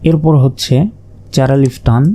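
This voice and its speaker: A man teaching Quran reading, slowly naming and repeating each Arabic letter and explaining how to pronounce it. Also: medium pitch, steady tone, warm tone. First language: Bengali. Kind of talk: slow letter-by-letter pronunciation lesson.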